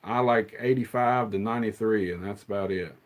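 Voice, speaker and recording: A man's voice: fairly low pitch, brisk. A middle-aged man, hosting a rambling, casual live stream chat and answering the chat as he goes.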